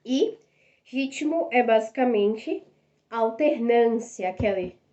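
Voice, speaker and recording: A young Brazilian woman teaching a casual language lesson with a mellow, warm tone. She explains things step by step and often checks in with tag questions. The recording sounds dull and lo-fi. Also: a little high, extremely slow. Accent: Brazilian Portuguese. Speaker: Portuguese language tutor.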